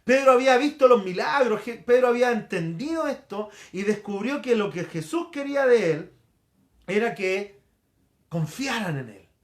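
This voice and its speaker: A middle-aged man with a Chilean Spanish accent, preaching a sermon as pastor and acting out the story's quoted lines with animated storytelling. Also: very high-pitched, moderate pace.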